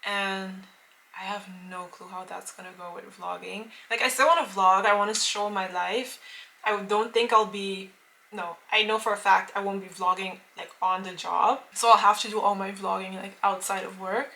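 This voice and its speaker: A young woman in her late twenties chats to her camera in a loose, rambling way, circling back and correcting herself often. Her voice is bright and forward, and her tone is casual vlog talk. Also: mid-range voice, steady tone, normal speed, vocal fry, poor audio. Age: late 20s. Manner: chatty and rambling, many fillers and restarts. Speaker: vlogger.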